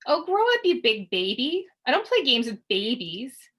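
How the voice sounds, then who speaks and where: A woman's voice: fairly high pitch, lively intonation, a little fast, fairly bright tone. A woman doing a scornful bossy big sister. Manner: mocking and dismissive. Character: scornful teenage girl, bossy older sister.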